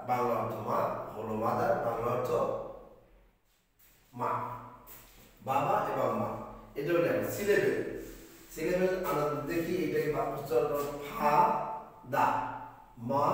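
A male English teacher with a Bengali accent, giving a classroom lesson for young pupils and repeating key points with slow, drawn-out model words. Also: on the high side. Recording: echoey room, voice far from mic.

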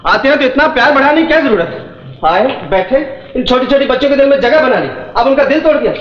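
A man's voice: very high-pitched, expressive, fast talker. An actor playing a young man, a sulky and sarcastic big brother who runs a small eatery, scolding in a wounded way. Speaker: lead film character. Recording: muffled roomy 1970s film soundtrack.

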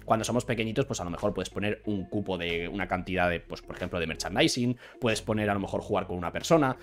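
Guy from spain walking viewers thru a stream tool, talks fast, voice jumps around a lot, keeps asking if they follow. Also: mid-range voice. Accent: Spain Spanish. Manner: explanatory, constantly checking in with listeners. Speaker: streamer giving a tutorial. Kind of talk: screen-share software tutorial. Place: small indoor streaming room. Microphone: boom mic on arm in front of him.

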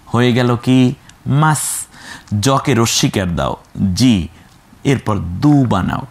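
A man teaching children to read the Quran, patiently drilling letters and syllables aloud and growing emphatic when he warns about mispronunciation. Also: medium pitch. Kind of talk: children's Quran reading lesson.

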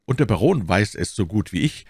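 A man's voice: fairly low pitch, very animated, a little fast, darkish tone, breathy edge, no echo, studio quality. A man voicing a haughty, easily angered duke in an audiobook reading, exclaiming with raised indignation. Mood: indignant. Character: haughty English duke, middle-aged, imperious, easily angered. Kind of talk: audiobook character voice.

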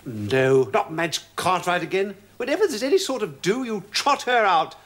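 Brief: put-upon posh son, lively complaining tone, hiss behind. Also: male voice, high voice, normal speed. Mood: weary. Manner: weary, grumbling. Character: weary upper-class son, grumbling.

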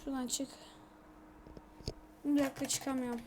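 A woman YouTuber giving casual commentary while playing a mobile game, excitable and prone to frantic repeated complaints. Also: high-pitched, moderate pace, background noise. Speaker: gaming YouTuber.

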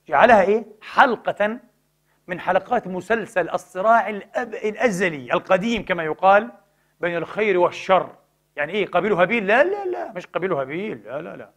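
Man, preacher, high-pitched voice, impassioned lecture, emphatic, loud then hushed, rhetorical questions. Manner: emphatic, swings between loud exhortation and hushed pleading; rhetorical questions answered himself.

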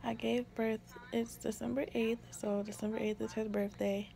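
A young woman speaking softly and tenderly in a hospital room, tired and sore after giving birth. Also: a little high, little pitch movement, moderate pace, vocal fry, rough recording. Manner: soft, hushed, tender. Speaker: vlogger. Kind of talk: quiet casual vlog chat. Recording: loud background noise.

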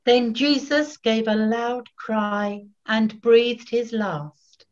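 A woman in her sixties giving a solemn, measured scripted Bible reading as narrator, recorded over a video call at home. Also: a little high. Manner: measured, deliberate. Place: small room at home. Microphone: video call, computer at arm's length. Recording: dull webcam video call audio.

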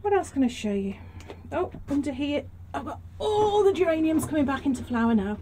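With a high-pitched, warm, very animated voice and a slightly fast pace, a British gardening vlogger chats her way through a rambling, self-deprecating tour of her allotment garden and greenhouse. The built-in mic of her handheld camera picks up noisy outdoor audio.

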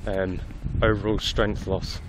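A man's voice: on the low side, flat delivery, takes it slowly, background noise. A man in his twenties talking casually to a phone camera after a workout, tired but chatty and candid. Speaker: fitness vlogger. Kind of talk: casual video diary. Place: outdoors at night on a street. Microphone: phone held at arm's length.

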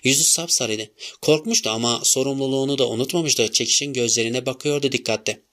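A man narrating a novel as an audiobook in a measured storytelling manner. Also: mid-range voice, a bit bright.

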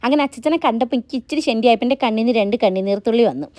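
A woman's voice: fairly high pitch, racing, a little mellow, no room sound. A woman, chatting casually and rambling as she narrates a family vlog. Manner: chatty, rambling, frequent "ttoo" tags. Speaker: vlogger.

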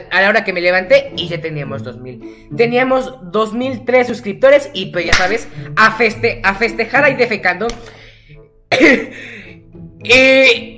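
A man's voice: sits high, sharp tone. Teen boy, Mexican accent, casual gaming commentary, rambling and jokey, faint background music. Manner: rambling, jokey, self-correcting. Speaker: gaming YouTuber.

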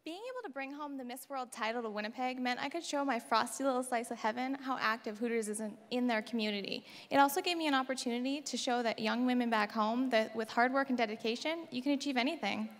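Quick-talking woman. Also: on the high side. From Canada. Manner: prepared, polished answer. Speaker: former pageant winner. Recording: reverberant hall.

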